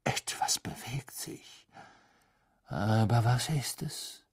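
A man voicing an eccentric older female fortune-telling teacher in an audiobook, drawn-out and airy, at times sinking to a breathy whisper. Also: a little high, big pitch swings, dark tone, pitched above the performer's own voice. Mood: eerie whisper. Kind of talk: audiobook character voice.

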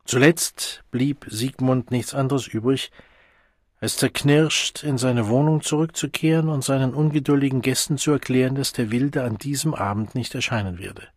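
Male audiobook narrator, measured, husky; dry studio sound. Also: mid-range voice, dry recording. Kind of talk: scripted narration.

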